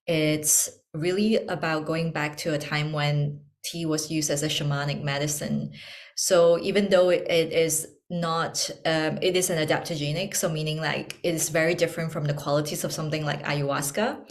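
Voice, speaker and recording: A woman from Malaysia speaking as an interview guest, soft-spoken and reflective, pausing often with ums. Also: sits low. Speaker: guest, tea ceremony practitioner. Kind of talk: casual interview conversation.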